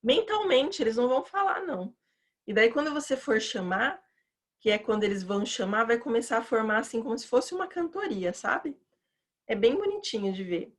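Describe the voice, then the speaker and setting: A woman with a chatty, opinionated manner, teaching teachers in an educational video and stretching words out as she demonstrates them. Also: a little high. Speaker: teacher trainer.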